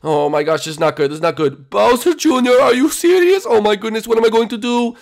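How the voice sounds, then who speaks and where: A man's voice: fairly high pitch, monotone, fast, natural voice. A man voicing an anxious, lovesick male chef who frets, in an amateur comedy skit. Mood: panicked. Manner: fretful.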